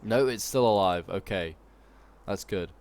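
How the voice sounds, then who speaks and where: A man with a cold, sounding stuffy and snuffly, hosts a game channel and commentates a battle replay. His voice is fairly low and a little mellow, and he speaks a little slowly. He's chatty and wry, with frequent ums and self-corrections.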